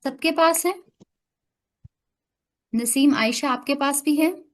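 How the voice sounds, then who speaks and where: A woman's voice: high voice, slow. A woman with an Urdu accent teaching an online class over a video call, patiently correcting her students' pronunciation point by point. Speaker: online Quran recitation teacher.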